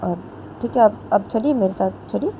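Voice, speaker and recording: A woman voicing a relative who quietly agrees and leads the others out of the room. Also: mid-range voice, normal speed, noisy background, lightly acted. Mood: placating. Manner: quiet, placating. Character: calm relative ushering others out.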